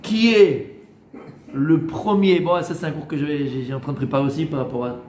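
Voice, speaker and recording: A man, a rabbi, giving a lively Torah class to a small group, teasing and quizzing them as he goes. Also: fairly high pitch, fairly quick. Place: room with a small group of students. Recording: echoey room.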